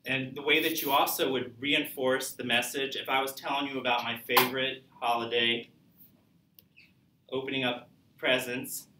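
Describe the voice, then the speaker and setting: Recorded from afar on a distant mic in an echoey classroom, the audio is very noisy. A man teaches public speaking at college in a mid-range, level voice at normal speed, talking conversationally and asking students questions.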